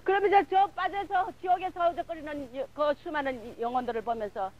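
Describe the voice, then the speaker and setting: A woman's voice: sits high, brisk, a little mellow, muffled recording, slight background noise. A woman preacher giving an emotional sermon testimony, retelling events in a fervent, breathless way with many filler words.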